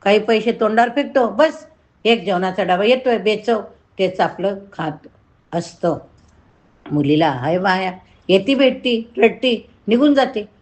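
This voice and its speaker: A woman's voice: expressive, a little slow, a little mellow, close to an everyday voice. A woman voicing a frail, lonely old widow who pleads and complains in a raised, plaintive voice. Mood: sorrowful complaint. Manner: plaintive, pleading, bursts higher in pitch.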